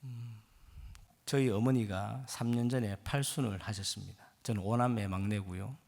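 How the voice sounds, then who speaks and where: A man's voice: fairly low pitch, steady tone, normal speed, creaky, darkish tone. A man in his fifties, a guest pastor preaching a sermon with impassioned, rising exhortation in a church sanctuary. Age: 50s. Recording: long church hall reverb.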